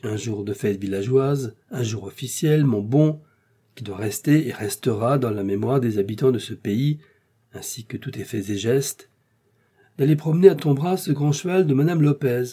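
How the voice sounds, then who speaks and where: A man voicing a sarcastic, blunt young gentleman in an audiobook, speaking with mocking emphasis. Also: mid-range voice, normal speed, husky, lightly acted. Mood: scolding. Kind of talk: audiobook character reading.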